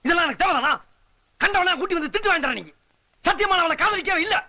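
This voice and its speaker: An actor playing an excitable comic sidekick who bickers quickly and rattles off long lists. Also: male voice, very high-pitched, full character voice. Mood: bickering. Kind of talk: comic film acting.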